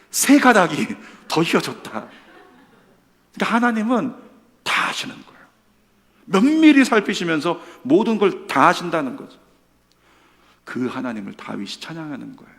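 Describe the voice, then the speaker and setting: A male pastor preaching a Sunday sermon, swinging between loud emphatic calls and hushed, slow, tender quotes. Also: high-pitched, expressive, vocal fry. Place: church sanctuary. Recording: reverberant church hall.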